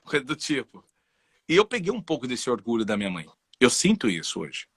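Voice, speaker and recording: A man with a Brazilian Portuguese accent, a guest and voice specialist, talking in a casual, animated way and telling personal stories. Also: mid-range voice, fairly quick, breathy edge, no room sound, studio quality. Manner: animated, personal storytelling with frequent "entendeu?". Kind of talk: casual conversational interview.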